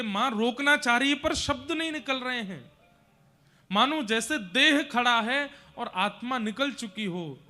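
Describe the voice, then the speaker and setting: Male devotional storyteller, high and bright, dramatic and emotive. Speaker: religious storyteller. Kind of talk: devotional scripture narration.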